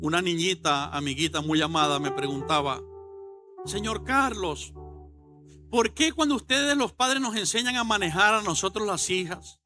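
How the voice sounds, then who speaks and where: A middle-aged Venezuelan man preaching a sermon as pastor, telling stories with animated, acted-out quotes. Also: high voice, moderate pace, over music. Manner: animated storytelling, acts out shouted quotes. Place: church.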